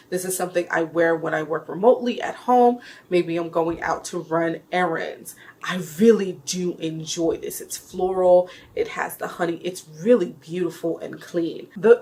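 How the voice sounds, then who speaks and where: A woman's voice: on the low side, low-quality recording. A young woman reviewing perfumes in casual chat to camera, emphatic and chatty, calling her viewers y'all and laughing often. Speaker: beauty vlogger reviewing perfumes.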